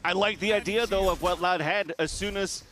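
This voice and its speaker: A man doing color commentary on an esports match, calmly explaining the tactics. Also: high-pitched, a little hiss or hum. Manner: measured, explanatory, breaks down tactics. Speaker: esports caster.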